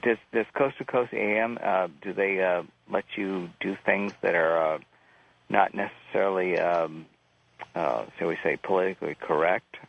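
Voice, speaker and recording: A man from Oregon calling in to a radio show, speaking hesitantly with many "um"s and halting restarts. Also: deep voice, fairly even intonation, vocal fry. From Oregon, USA. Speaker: caller. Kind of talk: phone-in call to a radio show. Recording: muffled lo-fi phone-in audio.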